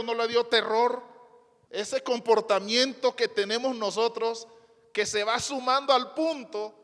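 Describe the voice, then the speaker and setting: High-voiced preacher man in a reverberant hall. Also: fairly bright tone. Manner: emphatic, repeats phrases, asks the congregation rhetorical questions. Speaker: pastor. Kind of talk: sermon. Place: church before a congregation.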